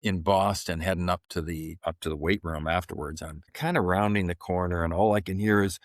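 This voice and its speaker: A man's voice: deep voice, steady tone, brisk, dry recording, clean studio sound. A middle-aged man, a former hockey player, telling stories on a podcast, rambling with many fillers and restarts. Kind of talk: casual podcast storytelling.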